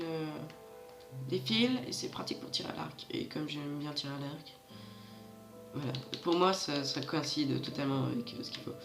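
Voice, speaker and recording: This gaming channel host talks straight to his viewers in loose, rambling let's-play commentary, his nose stuffed up from hay fever. His voice is on the high side and sounds reverberant.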